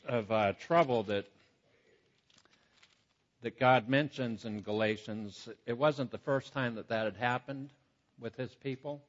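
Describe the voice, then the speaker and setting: A male preacher teaching from the Bible in a halting, conversational way, his voice echoing as if in a big cave. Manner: conversational and halting, with repeated false starts. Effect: booming cave-like echo on the voice. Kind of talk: Bible teaching sermon, reading scripture aloud. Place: large reverberant room. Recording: echoey hall, muffled lo-fi sound.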